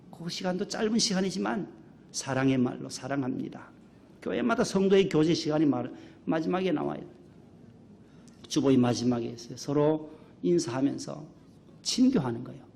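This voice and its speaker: A middle-aged man preaching a sermon as pastor in a church, lively, throwing questions to the congregation and acting out little greetings. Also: mid-range voice, vocal fry, slight background noise. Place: church sanctuary.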